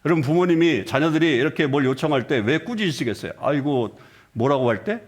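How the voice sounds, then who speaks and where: A man's voice: fairly high pitch, expressive, fast. A middle-aged man preaching a sermon as senior pastor, asking the congregation rhetorical questions and acting out short dialogues. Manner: acts out short dialogues with shifting voices. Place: church sanctuary.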